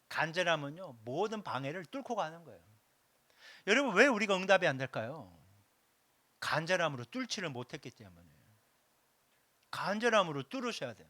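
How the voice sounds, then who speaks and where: A man delivers a Sunday sermon in a high, bright voice that swings widely in pitch. He preaches emphatically and hammers key phrases through repetition. His questions go straight to the congregation, and the sound is close and dry. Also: no echo. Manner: asks the congregation direct questions. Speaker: pastor.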